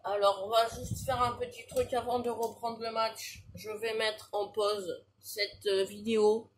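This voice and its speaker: A man's voice: high voice, flat delivery, a little slow. Man, French accent, gaming commentary, player names rattled off, faint room noise. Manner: rattles off player names, shouts at big chances. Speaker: gaming YouTuber. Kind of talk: live football game commentary.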